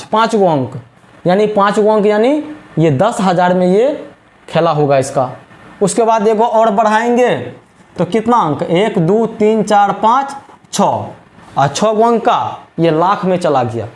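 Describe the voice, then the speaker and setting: A man's voice: high voice, darkish tone. A man teaching a maths lesson, asking questions and repeating the answers over and over. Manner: repetitive call-and-response questioning. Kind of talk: classroom lesson explanation.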